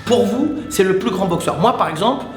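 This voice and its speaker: Chatty guy hosting his channel, high voice, keeps repeating stuff to viewers, roomy echo. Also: expressive, a little fast, faint music behind. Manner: chatty and enthusiastic, addresses viewers directly, repeats himself. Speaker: muay thai channel host. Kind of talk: casual talk to camera.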